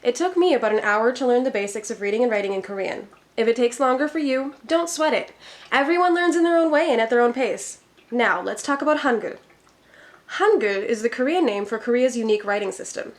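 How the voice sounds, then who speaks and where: Her voice on the high side, expressive and brisk, a Korean tutor from Minnesota, USA, delivers a scripted educational lesson in a friendly, upbeat way. She speaks English as her first language.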